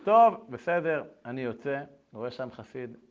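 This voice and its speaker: A middle-aged man giving a lively Torah lesson, moving between reading old texts aloud and telling personal stories. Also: mid-range voice. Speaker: Torah lecturer. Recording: dull lo-fi recording.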